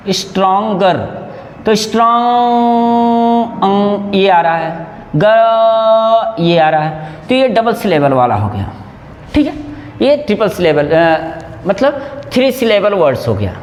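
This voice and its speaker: A high-pitched man gives a slow, patient grammar lesson, repeating each sound and spelling words out bit by bit. He sounds a little nervous. His voice rings in a roomy space with a long, hanging reverb. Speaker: English teacher. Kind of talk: casual Hindi-language grammar lesson. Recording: echoey room with long reverb.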